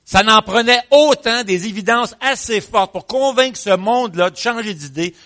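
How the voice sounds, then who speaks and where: A man with a Québécois French accent, preaching in a lively, storytelling way. His voice sits a little on the high side for a man, and he talks with lots of pauses and small asides. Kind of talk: sermon.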